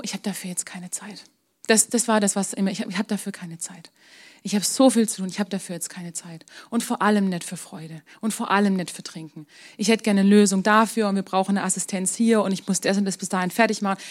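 A young woman delivers a church sermon in a personal, candid way. Her voice sits at an ordinary middle pitch, and she moves between lively storytelling and quiet asides. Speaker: preacher. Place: church service.

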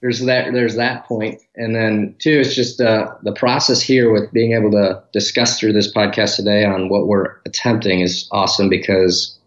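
Relaxed, candid male guest from Detroit; low voice, echoey, slightly muffled home-office audio. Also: normal speed, few pauses. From Detroit, Michigan, US. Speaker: podcast guest. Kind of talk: casual interview talk. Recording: roomy, dull remote audio.

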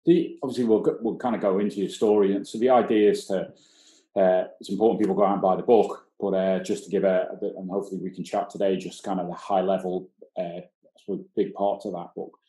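A man's voice: low-pitched, little pitch movement, quick pace, mellow. A man hosting a casual interview, often rephrasing his questions mid-sentence. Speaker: podcast host. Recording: echoey room sound.

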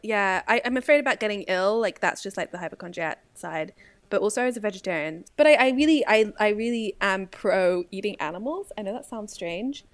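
A woman's voice: mid-range voice, lively intonation, fairly quick. A woman co-hosting a podcast in casual chat, thinking aloud in a hesitant, questioning way. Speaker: podcast co-host.

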